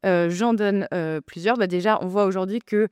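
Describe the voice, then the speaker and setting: A woman's voice: medium pitch, normal speed, a little mellow, smooth, no room sound, studio quality. A woman arguing in a debate, hesitant with many filler sounds but insistent. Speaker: debate speaker, co-president of a data nonprofit. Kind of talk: debate argument.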